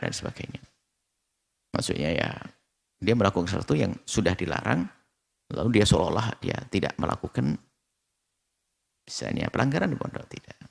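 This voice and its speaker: A man preaching a sermon, quoting Arabic sayings and translating them, acting out little scenes in a lively storytelling manner. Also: gravelly, breathy edge. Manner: animated storytelling, acts out characters with sharp pitch jumps; quotes Arabic hadith then translates. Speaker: Islamic preacher. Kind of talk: sermon with acted-out anecdotes.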